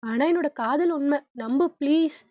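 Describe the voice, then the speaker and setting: A remorseful young man begs tearfully for forgiveness, as a woman reads him. The voice sits high and light. The recording is dry and a little muffled. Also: moderate pace, no room sound, lightly acted. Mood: pleading. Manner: begging, tearful pleas. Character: young man, pleading remorseful captured lover.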